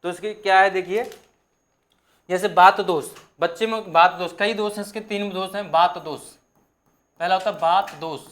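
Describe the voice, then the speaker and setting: Young male tutor, fairly high voice, slow repetitive dictation of lesson points. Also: fairly even intonation, fairly bright tone. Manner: repetitive, dictating terms slowly for notes. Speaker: teacher. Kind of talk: exam-prep lesson.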